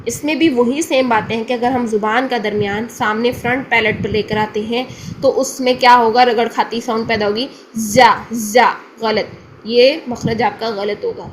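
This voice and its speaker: A woman's voice: fairly high pitch, fairly even intonation, slight background noise, poor audio. A woman with a Pakistani Urdu accent teaching a Tajweed lesson, explaining patiently and often checking that the listener follows. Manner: patient, repeats each point, checks in with the listener. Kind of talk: Quran pronunciation lesson.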